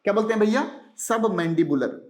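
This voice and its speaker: High-voiced man teaching biology, echoey room. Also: lively intonation, moderate pace. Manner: rhetorical questions answered by himself; mixes English science terms into Hindi. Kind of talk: exam-prep lecture.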